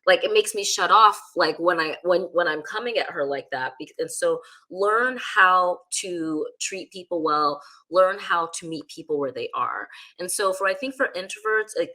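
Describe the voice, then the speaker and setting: A woman speaking as a guest in a casual interview, candid and animated, often using "like" as a filler. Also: fairly low pitch, moderate pace, hardly any pauses.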